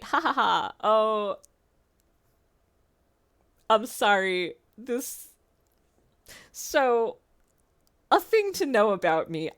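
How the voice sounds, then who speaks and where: A woman's voice: medium pitch, fairly bright tone. A woman streamer giving casual, chatty commentary while reading a visual novel aloud, often interrupting herself with asides. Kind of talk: casual commentary mixed with narration.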